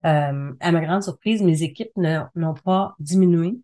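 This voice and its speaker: In an unhurried, warm, fairly low voice, a middle-aged woman with a Quebec French accent talks as an interview guest. She's a communication consultant and trainer who explains things conversationally and repeats phrases for emphasis.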